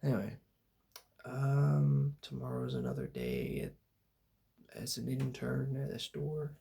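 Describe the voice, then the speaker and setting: A young man talking softly in a loose, meandering ASMR ramble, laid-back and full of fillers. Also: medium pitch, sing-song, takes it slowly, creaky, slightly rough. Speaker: ASMR channel host. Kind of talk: soft-spoken ASMR rambling.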